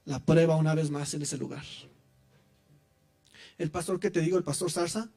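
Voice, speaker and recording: A man giving his testimony in church, telling his story in an animated way and speaking straight to the listeners. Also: a little high, moderate pace, faint music behind. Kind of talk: preaching testimony.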